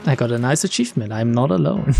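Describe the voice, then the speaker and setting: A streamer reads a visual novel aloud with theatrical flair, dropping in casual asides while game music and rain play in the background. His medium-pitched, darkish voice is fast, lively in intonation, and touched with vocal fry.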